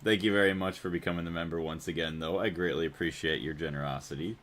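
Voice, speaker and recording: A man's voice: low voice, fairly even intonation, quick pace, a bit bright. A man from the United States chatting casually on a gaming livestream, thinking aloud and thanking his chat. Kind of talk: casual live-stream chat while playing.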